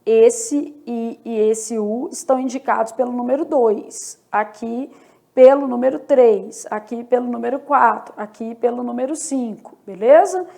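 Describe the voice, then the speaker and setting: Woman teacher, online lesson, gravelly voice, unhurried delivery, step-by-step explaining. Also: a little high, mellow. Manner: explains step by step, often checks in with the viewer. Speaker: Portuguese teacher. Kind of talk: online exam-prep lesson.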